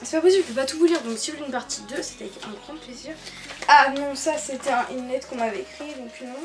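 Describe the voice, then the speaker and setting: Young woman vlogger, high voice, chatty and giggly, talking to a tripod camera from her bed, soft music underneath. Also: fast talker. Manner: chatty, laughing, many fillers and restarts. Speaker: YouTuber. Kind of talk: casual vlog chat. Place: her bedroom, sitting on her bed.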